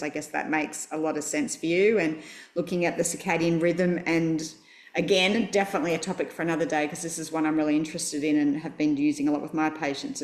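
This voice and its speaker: An Australian woman hosting a podcast, chatty and enthusiastic as she introduces her guest. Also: deep voice. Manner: enthusiastic, chatty, laughs easily. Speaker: podcast host. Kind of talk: friendly interview introduction. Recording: roomy echo.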